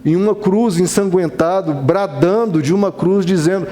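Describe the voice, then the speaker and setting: A man's voice: high voice, moderate pace, mellow. A man preaching a sermon as a pastor, earnest and conversational, acting out little dialogues.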